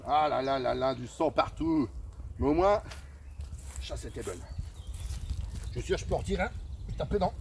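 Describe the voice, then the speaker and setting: A man's voice: medium pitch, expressive, moderate pace, creaky, long pauses, a little mellow. Man, comic mock-hunt host, over-the-top outdoor commentary with birds and nature noise behind. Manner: exaggerated, theatrical, addresses viewers as friends. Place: outdoors in a forest.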